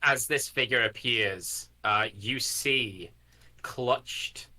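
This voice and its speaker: Slow, bright-voiced male game master. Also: medium pitch. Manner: halting, deliberate, pausing mid-sentence. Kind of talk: improvised tabletop game narration.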